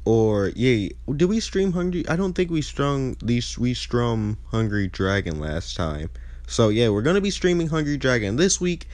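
In a dry recording, a young gaming host with a mid-range, slightly mellow voice makes casual conversation as he plays. He's stuffed up and nasal from congestion, and his thoughts often trail away.

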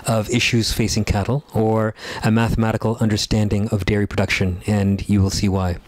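A Canadian doctor in his thirties, lecturing earnestly with a slight put-on Indian lilt and frequent pauses. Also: fairly low pitch, level tone, darkish tone, no room sound. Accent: Canadian English with a put-on Indian lilt. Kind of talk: recorded slide presentation.

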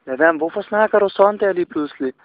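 A man making a prank phone call, deadpan and nonsensical, repeating himself. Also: sits high, no room sound. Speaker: prank caller. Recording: tinny phone line.

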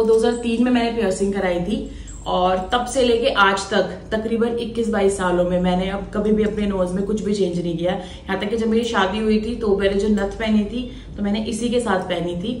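A woman in her thirties chatting casually in a home vlog, talking to viewers and scolding her pets in a high, loud voice. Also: steady tone, moderate pace, roomy sound, slight background noise. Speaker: vlogger.

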